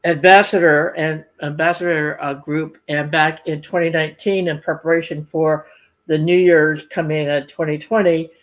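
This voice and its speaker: A man giving a casual product demonstration as an embroidery designer, explaining things in a halting way. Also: on the high side, little pitch movement, muffled recording.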